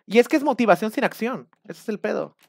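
A man with a Mexican accent talking casually on a live stream, rambling and animated. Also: sits high, quick pace, vocal fry, no room sound, clean studio sound. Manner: rambling, animated, acts out shouted quotes.

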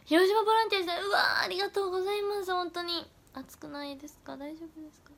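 A young woman, an idol trainee, chatting casually on a livestream and answering viewer comments, often dropping into soft whispers. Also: extremely high pitch, steady tone, quick pace. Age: young adult.

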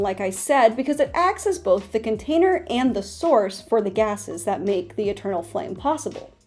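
A young woman reads her science script in an earnest, gently wondering tone, speaking straight to her viewers. Her voice sits a bit high and mellow, with a lively up-and-down melody. She is close on a studio microphone with faint music playing underneath. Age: young adult. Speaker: science video host. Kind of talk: scripted educational narration. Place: small indoor home studio. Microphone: large studio mic in front of her.

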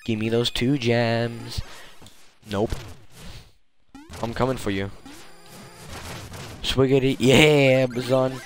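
A man playing a video game and talking over it on a home stream, excitable and quick to swear and yelp. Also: medium pitch, faint music behind. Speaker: gameplay streamer. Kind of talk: casual let's-play commentary. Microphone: desk microphone.

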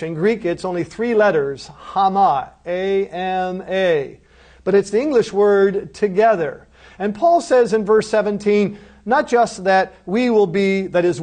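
High-voiced man giving an emphatic Bible lecture. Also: darkish tone. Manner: emphatic, explanatory, asks rhetorical questions. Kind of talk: recorded course lecture.

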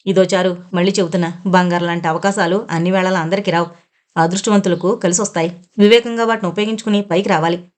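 A woman's voice: lowish voice, fairly even intonation, quick pace, close to an everyday voice. A woman reading the part of a poor, domineering middle-aged mother who pushes and scolds as she persuades. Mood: scolding. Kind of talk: audiobook character reading.

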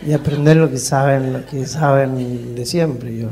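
A man doing a rambling stand-up monologue as a country character. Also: a little slow. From Mendoza, Argentina. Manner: rambling rustic storyteller, animated high voice. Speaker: comedian in character. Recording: live show recording with faint noise.

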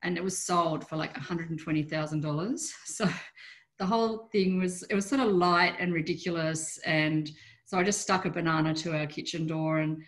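A woman's voice: low-pitched, steady tone, moderate pace. A middle-aged Australian woman, an artist chatting informally in an interview, rambling and trailing off mid-sentence, on a video call from a room at home. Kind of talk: casual interview chat. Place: small room at home, indoors.

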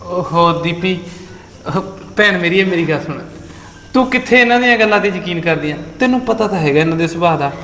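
Protective, impatient husband-brother, played by a man; a high voice for a man, recorded in a reverberant room. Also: expressive, fairly quick, sharp tone, soft background music, exaggerated voice. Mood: gentle. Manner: scolding, impatient. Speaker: actor in a short film. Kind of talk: melodramatic short-film acting. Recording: echoey room with long reverb.

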